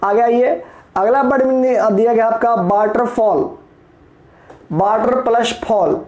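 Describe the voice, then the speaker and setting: A man's voice: very high-pitched, takes it slowly, a little mellow, echoey room. Patient male teacher spelling words aloud. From Bihar, India. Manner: patient, explanatory, spells words letter by letter, asks rhetorical questions. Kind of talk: classroom lesson explaining English vocabulary.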